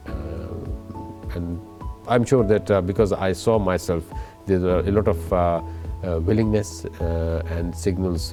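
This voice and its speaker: Pakistani guy, really low voice, formal diplomat type, lots of hesitating, music playing behind him. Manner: halting, measured, hesitant phrasing with frequent long fillers. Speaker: ambassador, interview guest. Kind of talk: formal diplomatic interview answers.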